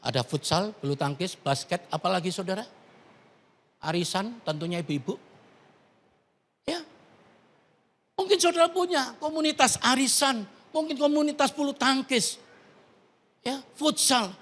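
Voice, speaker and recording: Man, pastor, high voice, sermon, emphatic questions to the congregation. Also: expressive, unhurried, long pauses, a bit bright. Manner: addresses the congregation as "saudara", rising emphatic questions. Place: large church hall. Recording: long hall reverb.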